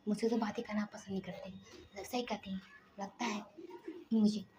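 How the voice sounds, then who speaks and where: A woman voicing a headstrong young female army trainee, cheeky at times and tearful and hushed at others, over a noisy hiss. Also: fairly high pitch, fairly even intonation, normal speed, natural voice.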